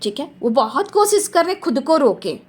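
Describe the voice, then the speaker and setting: A woman's voice: high voice, sing-song, brisk, a little mellow. A woman doing a tarot reading for her viewers, talking emphatically and repeating phrases for stress. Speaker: tarot reader.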